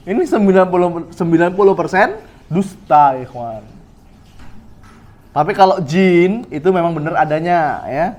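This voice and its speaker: A man's voice: sits high, lively intonation, moderate pace, a little mellow. A male Islamic preacher giving a study sermon, asking rhetorical questions and checking in with "ya" as he addresses the brothers. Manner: rhetorical questions, frequent "ya" to the audience.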